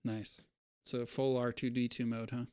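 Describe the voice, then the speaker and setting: A man's voice: medium pitch, flat delivery, measured pace, a little mellow, smooth, dry recording, clean studio sound. A man narrating a tabletop role-playing game as game master in a conversational way.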